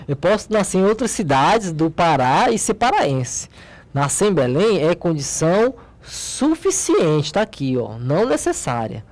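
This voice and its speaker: A woman's voice: on the low side, very animated, unhurried, a little mellow. A Brazilian woman teaching logic, who works through the exercises step by step, pointing things out and asking her own questions before answering them. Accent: Brazilian Portuguese. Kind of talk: recorded logic lesson.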